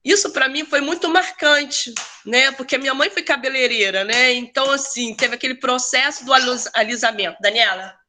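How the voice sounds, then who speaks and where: A woman's voice: high voice, moderate pace, sharp tone, a little hiss or hum. A woman educator telling a personal story in a casual talk, often adding tag questions. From Brazil. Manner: conversational, tag questions, restarts. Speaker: educator and researcher.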